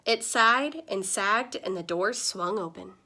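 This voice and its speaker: A woman teacher reading a children's picture book aloud with expressive, lively storytelling. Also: medium pitch, slow.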